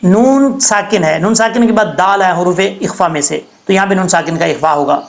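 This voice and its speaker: A man teaching Quran recitation rules, explaining each letter patiently and step by step. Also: high voice.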